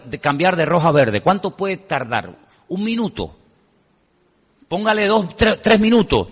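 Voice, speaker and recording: A man's voice: a little high, fairly bright tone, slightly rough. A male pastor gives a conversational sermon and keeps putting questions to the congregation. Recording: dull lo-fi audio with long hall reverb.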